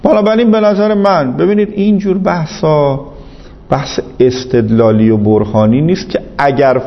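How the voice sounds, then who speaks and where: A man's voice: mid-range voice, creaky, in a large hall, lo-fi sound. A man teaching Islamic jurisprudence in a seminary lecture, arguing his point patiently and repeating it with emphasis.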